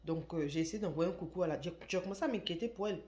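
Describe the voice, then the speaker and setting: A woman tells a personal story to her viewers, stressing points by repeating words. Her voice sits low and mellow. The recording carries a roomy echo. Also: rapid-fire. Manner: emphatic, repeats words for stress, lively when quoting. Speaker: online shop owner telling a story. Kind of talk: casual storytelling vlog. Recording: echoey room.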